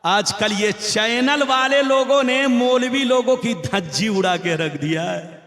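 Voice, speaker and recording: A man's voice: sits high, measured pace, a bit bright. A man with an Indian accent preaching a rousing sermon, urging the crowd to call out answers. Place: large hall with a crowd. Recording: echoey hall, long reverb.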